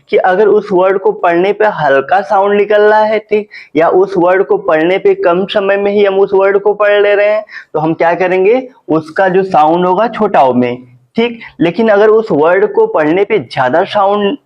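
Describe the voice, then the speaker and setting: A male teacher giving a phonics lesson, repeating words slowly and asking questions to the class. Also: high-pitched, muffled recording. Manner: slow, repetitive, drawn-out teaching.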